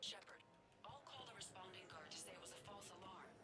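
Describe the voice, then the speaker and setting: A woman playing a focused, urgent infiltration operative in a video game, brisk and hushed in manner. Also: on the low side, close to an everyday voice. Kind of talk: video game character dialogue. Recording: loud music under the voice.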